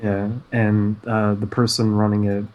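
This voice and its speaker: Low-voiced man recapping a cartoon. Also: flat delivery, highs cut off. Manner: rambling storytelling with frequent "uh" pauses. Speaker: stream co-host. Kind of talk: casual chat recapping cartoons.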